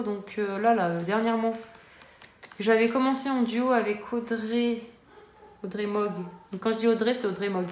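A woman in her thirties casually chatting about her coloring books, full of fillers and restarts. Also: on the high side. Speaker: coloring-book vlogger. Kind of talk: casual chat showing her book collection. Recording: echoey room with faint noise.

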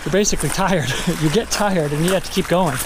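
A man's voice: a little high, a little fast, background noise. A middle-aged man with a slightly wheezy voice, tired from illness, chatting casually to a camera as he hikes. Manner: talking while hiking. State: tired, recovering from respiratory illness. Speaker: vlogger. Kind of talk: casual vlog chat. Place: outdoors on a desert trail. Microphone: camera at arm's length. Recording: outdoor trail audio under music. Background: music.

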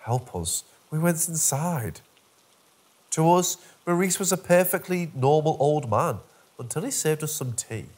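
A man narrating a scripted first-person horror story with wry, dark humour. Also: a little high, lively intonation, unhurried, husky.

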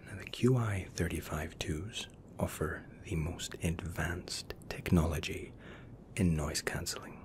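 A man's voice: sits low, a little slow. A man in his thirties in a whispered role-play as an attentive, reassuring first-class flight attendant with formal, soothing service patter.

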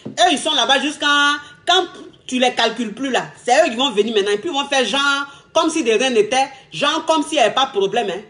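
A woman's voice: high voice, a little fast. A woman, giving emphatic, casual relationship advice as a coach. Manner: lively, emphatic, repetitive, laughing often.

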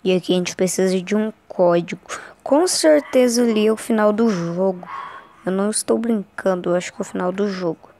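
A woman's voice: mid-range voice, a little fast, warm tone, a little hiss or hum. Casting: Brazilian woman as a scared horror game streamer, mid-range voice, casual and anxious. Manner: scared, anxious, repeating short phrases. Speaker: gaming streamer.

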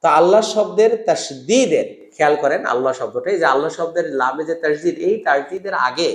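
A man teaching Quran reading, drilling rules in call-and-response and drawing out recited words slowly. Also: a little high, expressive, roomy sound. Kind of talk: step-by-step lesson with slow drawn-out recitation drills.

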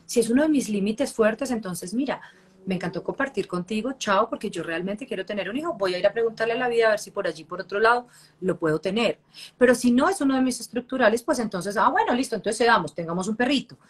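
A woman's voice: on the high side, fast, breathy edge. A woman coach talking casually, explaining ideas with everyday examples and acting out quoted voices. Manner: lively, acts out quoted voices. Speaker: co-host, coach. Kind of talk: casual chat, teaching by example.

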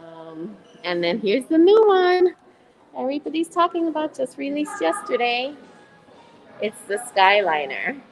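Unhurried, gushing woman on a shop live stream. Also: medium pitch, poor audio. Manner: gushing, excitable, laughs often, greets viewers by name. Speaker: vlogger hosting a live stream. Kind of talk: chatty live shopping stream. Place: indoor retail shop.

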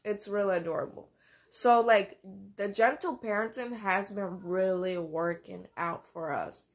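A young woman vlogging about motherhood in a casual, candid way, with many fillers and pauses. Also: mid-range voice, steady tone. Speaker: mom vlogger. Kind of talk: casual vlog talk.

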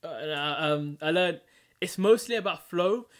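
A man hosting a casual podcast chat, calmly talking through his own rap songs and what he learned, often restarting his sentences. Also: normal speed. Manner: low-key, reflective explaining with frequent restarts.

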